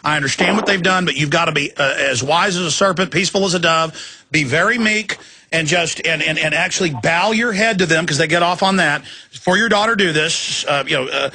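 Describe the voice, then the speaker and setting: A man's voice: a little high, a little fast, sharp tone. A man hosting a live radio show, giving a caller urgent, insistent advice and often stammering over repeated words into a studio microphone. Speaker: radio host.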